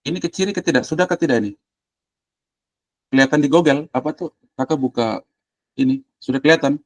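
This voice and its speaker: On a video call, a male university lecturer gives blunt, casual instructions as he works through a shared screen, thinking aloud while he clicks in informal tutoring. His voice sits a little high and moves fast, with no room sound.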